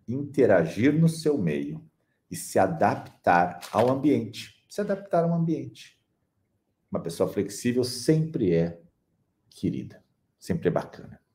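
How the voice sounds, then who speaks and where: A man giving a calm, measured motivational talk, pausing slowly for emphasis. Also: deep voice. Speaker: speaker on personal development.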